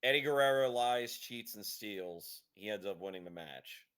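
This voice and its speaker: A man's voice: lowish voice, animated, moderate pace, fairly bright tone. A man co-hosting a podcast, sharing opinions in a rambling, casual way. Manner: rambling, many fillers and restarts. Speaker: podcast co-host. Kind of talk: casual chat.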